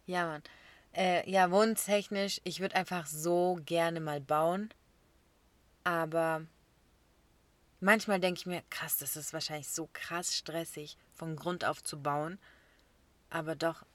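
A woman, chatting casually as a podcast co-host and telling animated stories with lots of laughter. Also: sits low, takes it slowly, long pauses, dry recording. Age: 20s. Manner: animated storytelling, laughs often. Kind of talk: casual chat.

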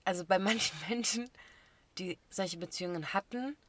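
A young woman co-hosting a podcast, telling stories in a lively way with casual slang. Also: fairly low pitch, moderate pace, slight background noise. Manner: animated storytelling with slang. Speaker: podcast co-host.

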